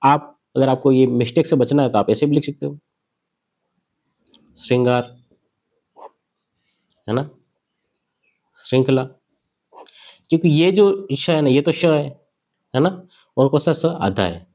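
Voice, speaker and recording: A man teaching a grammar lesson at a board. He asks questions and answers them himself, and he repeats key words slowly. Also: medium pitch, warm tone.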